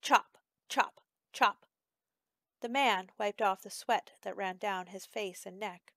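A woman teacher reading a picture book aloud for her class, expressive and measured. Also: medium pitch, dry recording. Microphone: close home recording.

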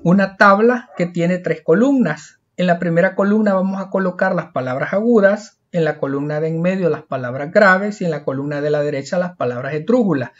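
A male teacher explaining a lesson, asking questions and answering them himself, slowing down to spell out example words one by one. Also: sits high. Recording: dull lo-fi recording.

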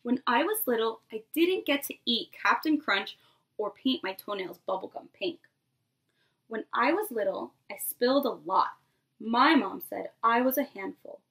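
At a normal speed, a woman in her twenties, a preschool teacher, reads aloud to young children with lively intonation and speaks to them directly. Her voice is on the high side and a bit bright, and she's recording in a small bedroom indoors for this animated read-aloud.

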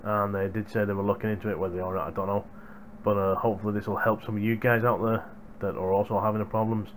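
Talking quickly and flatly in a voice on the low side, the young reviewer of hardware chats with viewers from a small room at home. He records on a headset boom microphone, and a slight hiss or hum sits under the audio.

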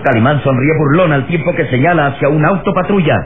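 A man's voice: on the high side, fast. A man narrating an old radio serial in a theatrical, suspenseful, dramatic style. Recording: tinny, noisy old radio recording.

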